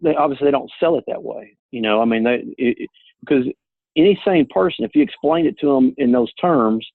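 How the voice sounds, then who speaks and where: A man's voice: mid-range voice, animated, a little fast, gravelly, no echo. A man who works as an insurance agent, explaining things earnestly in a casual talk over a call. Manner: earnest, plain-spoken explaining. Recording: tinny phone line, dry.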